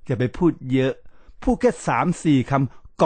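A man's voice: normal speed, a little mellow, dry recording, lightly acted. A man quoting his elderly mother, giving terse, blunt advice in his own voice.

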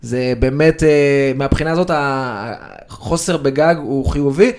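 A man's voice: medium pitch, a little mellow, clean tone. A man, a sports journalist co-hosting a casual podcast, talking in a digressive way with many fillers. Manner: conversational, digressive, with frequent fillers.

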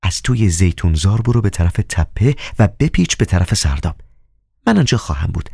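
A man's voice: low voice, sing-song, gravelly, a little mellow, husky, no echo, clean studio sound, exaggerated voice. A man voicing a proud, cold young woman with a biting, teasing manner in an audiobook. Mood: cold, haughty. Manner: biting, haughty, coquettish. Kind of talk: audiobook character voice.

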